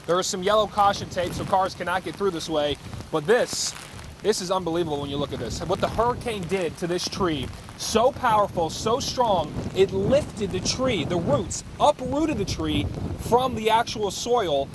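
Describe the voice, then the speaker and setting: A man's voice: high voice, animated, moderate pace. A male field reporter ad-libbing a live storm report outdoors, raising his voice emphatically over wind and rain. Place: outdoors on a city street in pouring rain.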